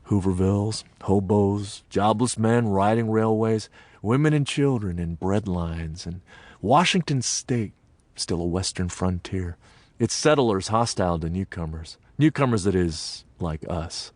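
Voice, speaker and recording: There's no room sound as this lightly acted man, his voice on the low side, delivers an audio theatre monologue. An American actor, he portrays an earnest Japanese American man reflecting on growing up on a farm, with dramatic, expressive, deliberate storytelling and weighted pauses.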